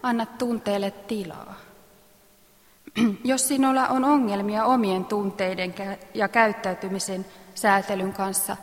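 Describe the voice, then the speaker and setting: A woman reading parenting advice aloud in a measured, instructive manner, clearing her throat now and then. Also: medium pitch, steady tone, long reverb tail. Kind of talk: read-aloud advice text.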